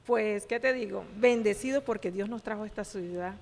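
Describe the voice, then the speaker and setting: Colombian woman guest, forties, gentle and soft-spoken, gravelly voice, echoing room. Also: mid-range voice, a little fast, slight background noise. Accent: Colombian Spanish. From Valledupar, Colombia. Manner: gentle, soft-spoken, laughs when teasing. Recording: reverberant hall with faint ambience.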